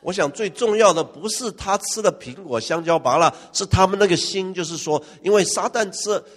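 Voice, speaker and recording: A male pastor preaching a lively, humorous sermon and firing questions at his congregation. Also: sits high, normal speed. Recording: long church-hall reverb.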